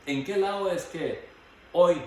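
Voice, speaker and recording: A man preaching a sermon, reading Bible passages aloud between his own remarks, pausing now and then with short fillers. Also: high-pitched, mellow. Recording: very echoey hall, mic at a distance, faint noise.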